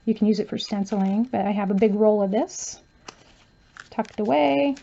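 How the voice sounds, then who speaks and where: In a lo-fi clip, a soft-spoken crafter walks through her handmade journal page by page with relaxed, filler-heavy commentary. Her mid-range voice turns hoarse as it gives out, and she clears her throat while speaking at a moderate pace.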